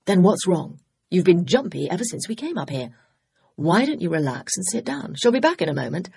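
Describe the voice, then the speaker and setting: A woman reading an audiobook, voicing an easygoing young gentleman who sounds relaxed and good-natured. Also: on the low side, fairly quick, gravelly, breathy edge, no room sound, studio quality, exaggerated voice. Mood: puzzled.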